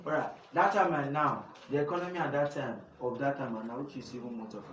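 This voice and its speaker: A man's voice: mid-range voice, fast, a bit bright. A young man with a Nigerian English accent, teaching a youth class and often asking the room to finish his sentences. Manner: call-and-response questioning. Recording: echoey room from far off, noisy.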